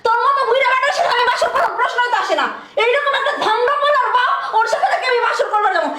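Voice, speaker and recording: A woman acting out an enraged young bride in a web drama, her voice very high and racing, scolding and mocking. The echoey room carries a clear hum of noise behind her. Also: racing. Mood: furious. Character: furious cheated young bride, loud and scolding.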